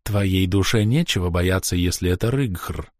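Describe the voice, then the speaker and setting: Man voicing a soothing calm priestess. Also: low-pitched, dry recording, studio quality. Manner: soft, soothing, slow incantation. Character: calm, faintly amused female priestess casting spells.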